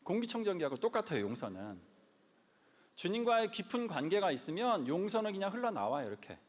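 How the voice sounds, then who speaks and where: Man in a big hall, animated storyteller-preacher, pitch swings widely, reverb trails his words. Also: brisk. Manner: animated storyteller, repeats lines for emphasis. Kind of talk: lively sermon-style talk.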